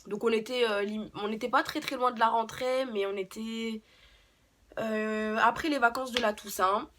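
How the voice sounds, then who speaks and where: Young woman vlogger, storytime to camera, halting delivery with lots of fillers, a touch high-pitched. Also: steady tone, a bit bright. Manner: hesitant, many fillers and restarts. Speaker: beauty vlogger. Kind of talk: unscripted storytime.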